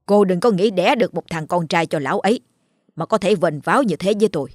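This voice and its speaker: A woman's voice: fairly low pitch, expressive, moderate pace, no echo, studio quality. A woman voicing a scheming, mocking older first wife who scolds shrilly and wails theatrically. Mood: spiteful.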